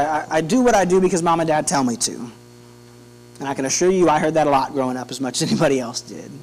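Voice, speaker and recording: In a church sanctuary, a preacher in his thirties speaks from the pulpit with a slightly high voice, earnest and chatty, often backing up to restart a phrase. A steady electrical hum sits behind the low-quality recording.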